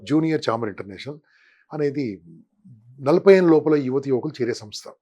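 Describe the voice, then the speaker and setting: Fast-talking older man. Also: mid-range voice. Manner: animated storytelling with lists and acted quotes. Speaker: interview guest, motivational speaker. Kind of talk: casual interview talk.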